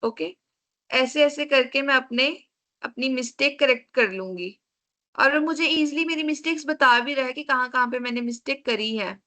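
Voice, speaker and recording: A woman teaching an online class over a video call, slowly repeating the key steps for her students. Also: high-pitched, bright, forceful tone.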